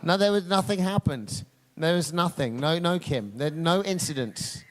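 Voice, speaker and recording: A man giving energetic, joking play-by-play commentary at a live drift event. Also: on the high side, moderate pace.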